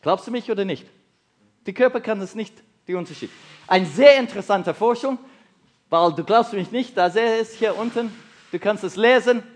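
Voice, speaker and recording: Preaching to a congregation, this South African man speaks German haltingly and non-natively, though English is his first language and his accent is South African. He poses questions to the listeners, and his voice sits high.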